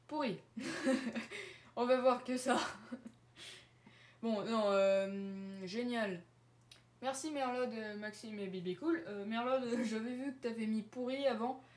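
A woman's voice: on the high side, slow, long pauses, a little mellow. A woman casually walking viewers through her online chat servers on screen, hesitant with many fillers and small giggles. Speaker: Discord server owner showing her servers. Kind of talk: casual screen-share walkthrough. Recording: roomy echo.

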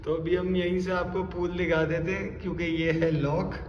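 A young man vlogs a hotel tour on a handheld phone, moving through the indoor corridors and gym while chatting playfully and joking with his friend in casual narration. His fairly high-pitched voice is flat at a moderate pace, with a big-room sound. The phone audio is dull, with a noisy background.

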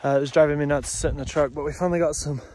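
A man's voice: on the high side, steady tone, very fast, darkish tone. A young man talking casually to a phone camera while out hunting in open country, rambling with lots of fillers. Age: young adult. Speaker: shed hunting vlogger. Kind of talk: casual outdoor vlog. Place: outdoors in open scrubland. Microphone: phone camera held close.

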